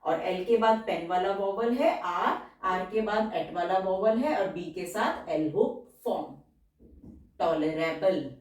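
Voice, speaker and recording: Echoey woman teaching slowly, repeating words. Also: medium pitch. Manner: explains slowly, repeats each word, drawls example words. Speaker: shorthand teacher. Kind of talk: step-by-step spoken lesson. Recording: very echoey room, voice from far off.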